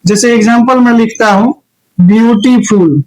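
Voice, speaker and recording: Bihari guy teaching a grammar class, talks real slow, explains bit by bit, keeps asking if anyone has a problem. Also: very high-pitched, rough recording. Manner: explains step by step, often checks "any problem?". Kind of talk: recorded grammar lesson.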